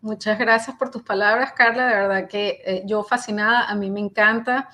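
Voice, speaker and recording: A woman's voice: medium pitch, fairly even intonation, moderate pace, sharp tone. A woman hepatologist answering questions in a webinar, thinking aloud with many fillers and restarts. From Venezuela. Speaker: invited speaker, hepatologist. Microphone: video call.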